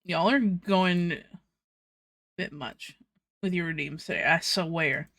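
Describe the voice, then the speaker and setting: A woman's voice: lowish voice, takes it slowly, fairly bright tone, no echo, studio quality. A young woman streaming, chatting casually with viewers while eating, laughing often and swearing freely.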